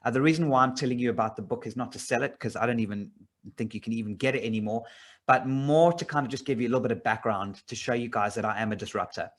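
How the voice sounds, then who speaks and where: A man's voice: medium pitch, fast talker. A middle-aged man from South Africa giving a casual slide presentation about his business, rambling a bit with many fillers and restarts. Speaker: business owner presenting a job opportunity.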